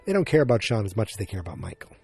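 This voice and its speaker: Racing along with big pitch swings, this solo podcast host from Massachusetts speaks in a fairly low, darkish, slightly rough voice with a Boston accent. He keeps cutting himself off, restarting and filling gaps with fillers as he rambles.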